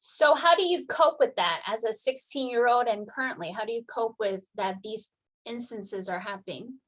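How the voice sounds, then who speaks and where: A woman interviewing, asking measured questions. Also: fairly high pitch, a bit bright, poor audio.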